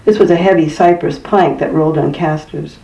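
A narrator reading a story aloud in a measured, even way. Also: medium pitch, vocal fry. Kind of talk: scripted audiobook narration. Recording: distant, roomy, dull-sounding recording.

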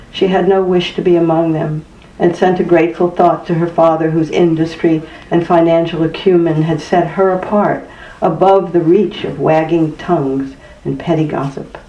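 A narrator reading a story aloud in a measured, even way. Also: medium pitch. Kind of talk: scripted audiobook narration. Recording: distant, roomy, dull-sounding recording.

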